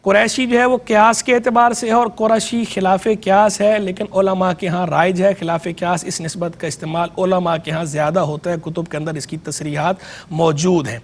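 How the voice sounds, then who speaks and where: A Pakistani religious scholar with a notably high voice gives a televised lesson. He speaks in a measured, explanatory way and repeats key terms so they sink in. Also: fairly even intonation. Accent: Pakistani Urdu. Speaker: religious scholar presenting a TV program. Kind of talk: educational religious lecture.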